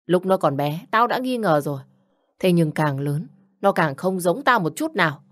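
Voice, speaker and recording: A woman reading a storybook, voicing an angry, jealous young husband who shouts insults and accusations. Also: lowish voice, lively intonation, moderate pace, close to an everyday voice. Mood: furious. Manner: shouting insults, coarse and bullying.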